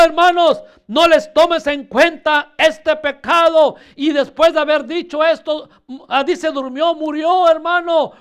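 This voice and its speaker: Very high-voiced fervent male preacher. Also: a bit bright. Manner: fervent, repeatedly addressing listeners as brother. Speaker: pastor. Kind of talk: sermon.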